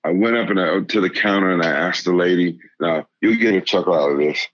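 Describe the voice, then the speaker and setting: A man from the area, telling a story in casual conversation, halting with many restarts and laughing now and then. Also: low voice, no echo. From Boston area, Massachusetts. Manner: laughs while telling stories. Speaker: interviewee. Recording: dull lo-fi sound.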